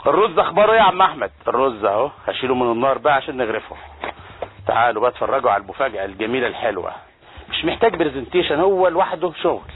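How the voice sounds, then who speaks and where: Fast-talking Egyptian TV chef, tinny sound. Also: male voice, mid-range voice, noisy background. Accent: Egyptian Arabic. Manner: exclamatory, playful banter with crew. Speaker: TV chef and cooking show host. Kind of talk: lively cooking demonstration. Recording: tinny phone-like broadcast audio with faint music.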